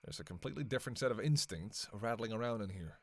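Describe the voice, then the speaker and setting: He talks fast and animatedly in a voice on the low side, recorded with no room sound. Playing a flirtatious, sardonic vampire killer who has lived a long time, he delivers one half of a casual roleplay audio drama with sweary, teasing banter, sounding defensive and musing.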